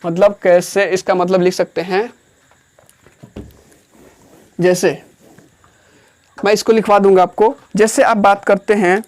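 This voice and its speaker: A man's voice: sits high, little pitch movement. Indian man teaching a grammar class. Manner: explains slowly, repeats phrases, dictates words one at a time.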